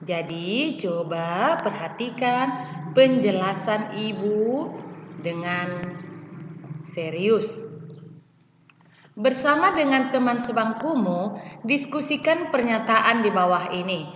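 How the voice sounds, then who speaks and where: A woman teaching a primary school lesson, explaining patiently and slowly, calling her pupils "child". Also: medium pitch, animated, a bit bright. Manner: slow, patient, addresses pupils as "Nak". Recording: echoey room, slightly dull, faint noise.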